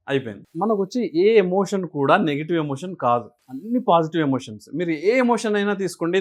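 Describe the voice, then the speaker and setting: A man explaining emotions in an interview, asking and answering his own questions in an animated way. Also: fairly high pitch. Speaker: guest speaker on emotions.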